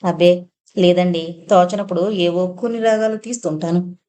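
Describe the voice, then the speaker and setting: A woman's voice: fairly low pitch, steady tone, moderate pace, warm tone, close to an everyday voice. A woman reading the lines of a shy, bashful young woman in an audio novel.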